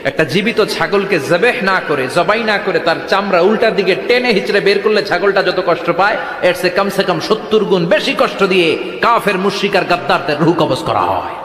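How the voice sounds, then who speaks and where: A man delivers an impassioned religious sermon, swinging his voice high and low and sliding into chanted passages. His fairly high voice rings out through a large hall with a long, booming reverb behind every phrase. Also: animated, brisk, a bit bright. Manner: impassioned preaching with sudden pitch jumps and chanted lines. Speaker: preacher. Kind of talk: Islamic sermon. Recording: echoey, reverberant hall sound.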